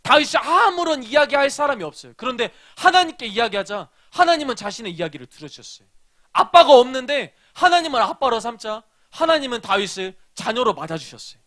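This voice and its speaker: A man preaching a children's sermon as a pastor, telling a story and asking the children questions, moving between loud emphasis and hushed asides. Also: very high voice, sing-song, brisk.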